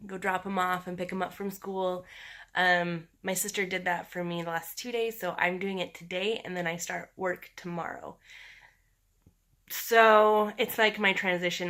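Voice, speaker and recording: A woman with a scratchy, sore-throat voice talking in a halting, candid, conversational way, as in a casual personal video diary. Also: on the low side, pushed and bright. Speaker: personal vlogger.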